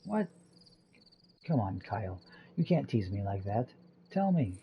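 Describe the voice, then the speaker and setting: A man voicing a sharp-tongued, teasing young woman. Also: fairly low pitch, sing-song, unhurried, highs cut off, slight background noise, pitched below the performer's own voice. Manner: teasing, scolding.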